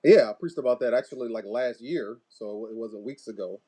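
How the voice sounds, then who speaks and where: A man hosting an online church talk show, chatting casually over a video call with relaxed, rambling talk and many fillers. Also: medium pitch, fairly quick, crowd noise. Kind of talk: casual live-stream chat.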